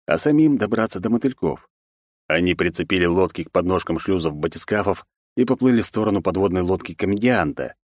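A man narrating a first-person action audiobook in a measured, deadpan way. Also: low voice, dry recording, clean studio sound.

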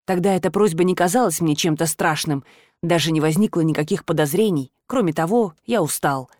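A weary ancient male god, as a woman narrator puts him on, speaks slowly and low, as if confessing old mistakes. His voice sits well below the reader's own. The recording is close and dry. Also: darkish tone, no room sound, lightly acted. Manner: measured, low, tired storytelling. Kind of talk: audiobook reading.

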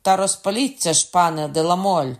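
An audiobook reader voicing a hot-tempered young nobleman who shouts and threatens. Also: medium pitch, moderate pace, pitched above the performer's own voice, lightly acted. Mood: indignant shouting. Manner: loud, shouting and indignant. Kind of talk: audiobook character voice.

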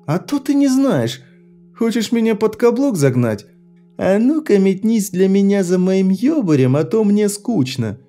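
A man reading an audiobook, voicing a spiteful teenage boy who screams taunts and breaks into a shrill falsetto. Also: sing-song, measured pace, dark tone, soft background music, full character voice. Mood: hysterical. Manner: screaming taunts, mocking simpering put-on voice.

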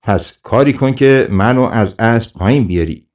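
A man voicing a proud, quick-tempered ruler in a folk tale audiobook, speaking haughtily and irritably. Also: mid-range voice, animated, darkish tone, lightly acted. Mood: haughty.

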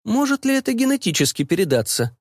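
A man's voice: high-pitched, very animated, fast, dry recording, clean studio sound, voice pushed up, heavily acted. A man voicing a bossy, meddling middle-aged mother who scolds and fusses over her son. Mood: prying. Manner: insistent, scolding, fussy.

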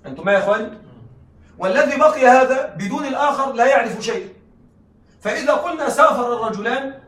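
Male lecturer, rapid and high-voiced, keeps asking the class if they follow; roomy sound from a mic set back. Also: expressive, fairly bright tone. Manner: checks in with the class, frequent laughing asides. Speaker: teacher. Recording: echoey room, mic at a distance.

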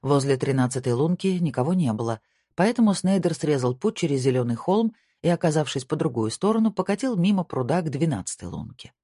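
A man narrating a crime novel in a steady reading voice, giving the dialogue small shifts. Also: fairly high pitch, a little fast, dry recording, clean studio sound. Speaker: audiobook narrator. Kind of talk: scripted narration.

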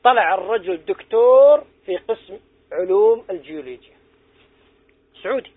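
A middle-aged man preaches to young people in a high, animated voice at a normal pace, earnestly exhorting them and putting questions to his listeners. The recording is dry and tinny, like it came through a phone.

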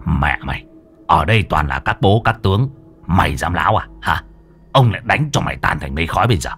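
A man's voice: low voice, expressive, normal speed, gravelly, fairly bright tone, faint music behind, exaggerated voice. A man voicing a crude, hot-tempered male exorcist who boasts and curses. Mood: furious. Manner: foul-mouthed, boastful.

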